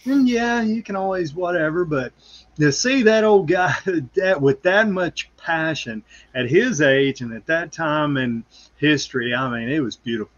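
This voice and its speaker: Middle-aged male co-host, rambling casual talker, slightly high voice, lo-fi audio. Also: expressive, measured pace, a bit bright. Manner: rambling, full of "you know" asides. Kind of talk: casual sports chat.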